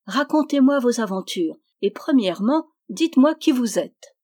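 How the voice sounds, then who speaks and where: A woman narrating a fairy tale as an audiobook reader, in a measured, even storytelling manner. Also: medium pitch.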